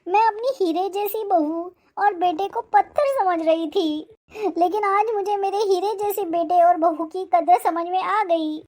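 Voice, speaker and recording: A voice actor playing an aging village mother-in-law in an animated moral story, who scolds and then turns tearful and apologetic. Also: very high voice, unhurried, few pauses. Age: older.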